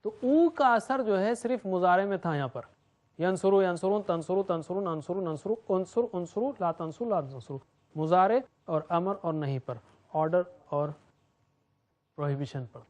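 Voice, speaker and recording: Man chanting Arabic verb drills. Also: sits high. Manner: rhythmic drilling of verb forms, animated. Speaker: Arabic grammar teacher. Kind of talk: Quranic Arabic lesson.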